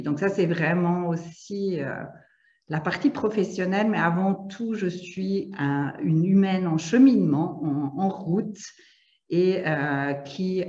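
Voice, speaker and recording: A woman's voice: fairly low pitch, darkish tone. A woman facilitator chatting casually on a video call, with frequent filler sounds. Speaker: family constellation facilitator. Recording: echoey, dull lo-fi video call audio.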